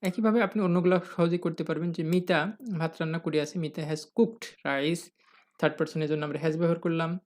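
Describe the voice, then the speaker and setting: Speaking in a mid-range, darkish voice with a flat delivery, a patient teacher records an English grammar lesson. The teacher calls the viewers learners, raises questions only to answer them, and reads examples at a slow pace.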